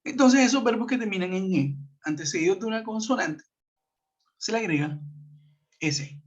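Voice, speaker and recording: A man teaching an online class, explaining patiently, checking in with his students and reading example sentences slowly. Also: high voice, lively intonation. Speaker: English teacher. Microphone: computer mic on a web conference. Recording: muffled web-conference audio.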